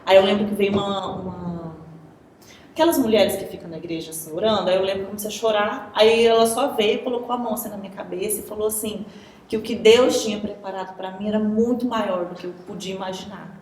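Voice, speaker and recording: A woman's voice: medium pitch, fairly even intonation, fast talker, a little mellow. Earnest young woman in an echoey room. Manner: earnest, heavy use of "assim" and "sabe". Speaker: interview guest. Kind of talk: emotional personal testimony.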